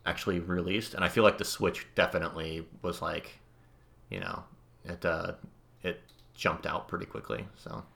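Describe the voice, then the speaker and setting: A man's voice: sits low, normal speed, gravelly, fairly bright tone. A man chatting casually on a podcast about video games, hedging and restarting often, with a dry sarcastic streak. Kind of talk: casual chat.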